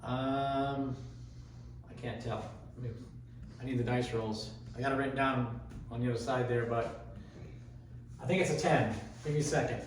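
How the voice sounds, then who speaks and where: A man giving a casual, unscripted demonstration as host, talking in a halting way as he thinks aloud. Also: medium pitch, steady tone. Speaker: craps tutorial host. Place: echoey indoor room. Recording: echoey room, distant mic, faint noise.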